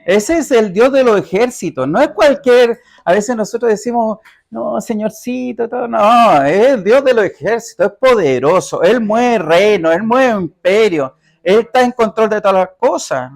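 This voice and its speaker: Brief: male pastor, high-pitched voice, informal sermon style, checks in with listeners, slow emphatic scripture reading. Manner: keeps checking in with the congregation. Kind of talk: conversational sermon. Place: church.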